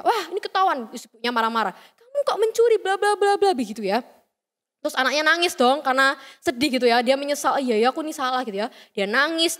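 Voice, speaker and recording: A young woman giving a chatty, playful youth sermon, often acting out quoted voices. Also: high voice. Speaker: youth service speaker. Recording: reverberant hall sound.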